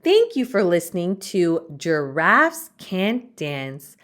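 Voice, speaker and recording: Reading a children's storybook, a woman with a lowish voice gives expressive narration. She shapes each line with deliberate, dramatic phrasing.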